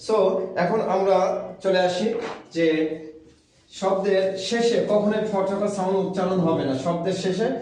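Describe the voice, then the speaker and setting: A man with a fairly high voice gives an English pronunciation lesson, drilling each rule slowly and stressing it word by word. He sounds like he's in a bare, heavily echoing room. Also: fairly even intonation, darkish tone. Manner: slow, emphatic repetition of rules. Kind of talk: video lesson. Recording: very echoey room.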